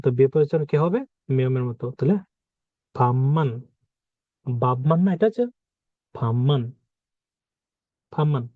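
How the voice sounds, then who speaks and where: A man's voice: mid-range voice, no echo. Male language teacher, patient, repeats examples; dry, phone-thin recording. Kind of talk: explaining pronunciation rules. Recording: dry, phone-like narrow sound.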